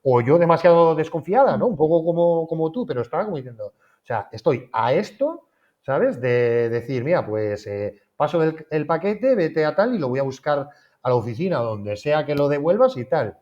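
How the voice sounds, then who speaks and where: A man hosts a relaxed interview and tells an anecdote with a lot of movement in his voice, playing out both sides of the dialogue. The recording sounds dull and lo-fi. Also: a little high, moderate pace. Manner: animated storyteller, acts out both sides of dialogue. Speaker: podcast host. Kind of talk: casual interview chat.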